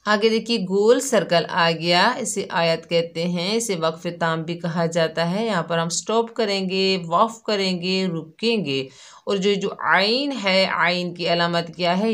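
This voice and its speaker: A woman teaching Quran reading step by step, calmly explaining each letter and drawing out the demonstrated syllables. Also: fairly low pitch. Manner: patient, drawn-out syllables when demonstrating. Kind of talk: slow step-by-step recitation lesson.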